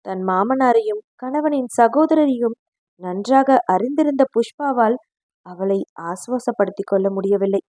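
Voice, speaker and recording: A woman narrating a novel aloud in a steady, expressive storytelling voice. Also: on the high side, measured pace, no echo. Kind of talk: dramatic audiobook narration.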